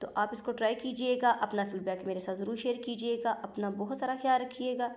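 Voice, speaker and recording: A woman with a slightly high voice walks viewers through a home recipe step by step. Her delivery is steady and instructive, with polite asides to the audience, recorded close as a voice-over. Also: a little fast. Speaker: cooking channel host.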